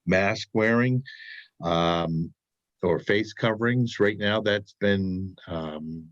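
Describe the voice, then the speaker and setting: A man with a congested, blocked-nose sound gives a halting, explanatory report at a public meeting, as a town administrator. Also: fairly low pitch, no room sound. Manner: halting, searching for words. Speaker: town administrator presenting to a board. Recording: dull, muffled meeting audio.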